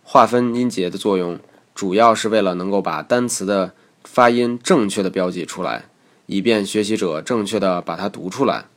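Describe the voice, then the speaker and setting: A man narrating a scripted lesson as an English teacher, explaining calmly and reading example words aloud. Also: fairly low pitch, normal speed.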